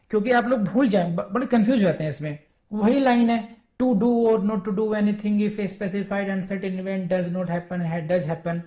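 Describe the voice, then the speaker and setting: A woman with an Indian English accent teaching an exam-prep law lecture. She mixes Hindi and English and reads the statute text slowly, word by word, before explaining it. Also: medium pitch, warm tone.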